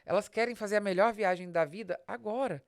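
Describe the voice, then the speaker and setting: Speaking straight to the listener, a podcast host with a Brazilian accent gives an explanatory business talk, teaching didactically and leaning on emphatic stresses. Her medium-pitched voice moves fairly quickly, captured in studio quality without echo.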